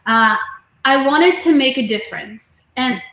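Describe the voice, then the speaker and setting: A woman's voice: sits high, a little slow, fairly bright tone. A woman in her twenties, a music teacher who runs her own studio, talking earnestly and motivationally in a casual video interview, with frequent fillers. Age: 20s. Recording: roomy echo.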